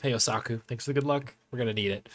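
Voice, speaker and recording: Joking man doing game commentary. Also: mid-range voice. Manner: joking, rambling asides. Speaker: streamer. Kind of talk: casual let's-play commentary. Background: faint game music.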